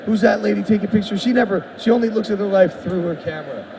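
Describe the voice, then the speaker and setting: A man's voice: sits high, fast, creaky. A man playfully commentating on someone playing his game, joking like a wrestling announcer. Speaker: game developer commentating a live demo. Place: busy expo show floor. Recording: noisy expo floor, mic far off.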